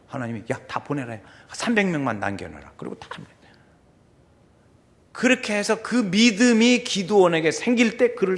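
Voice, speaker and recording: A male pastor preaching with a lively, restless delivery. His voice is raised, gravelly and rough-edged, and it swings from loud cries down to hushed asides. A long church-hall reverb trails after every phrase. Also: fairly low pitch. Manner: animated preaching, swings between loud exclamation and quiet asides. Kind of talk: sermon. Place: church sanctuary.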